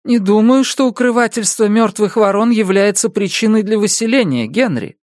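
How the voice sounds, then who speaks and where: A woman's voice: mid-range voice, normal speed, no room sound, clean studio sound, voice pushed up, close to an everyday voice. A narrator voicing a stubborn, firm woman who befriends crows, in an audiobook. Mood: gentle. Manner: firm, indignant, then gentle.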